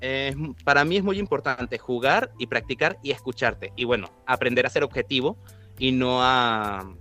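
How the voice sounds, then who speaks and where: A man's voice: medium pitch, moderate pace, sharp tone, faint music behind. A man talking about voice acting in a casual podcast conversation, explaining step by step and laughing easily. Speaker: voice actor guest.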